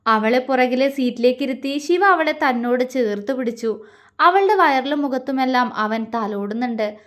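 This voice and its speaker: High-voiced woman telling a story softly. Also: moderate pace. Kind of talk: narrated romance story.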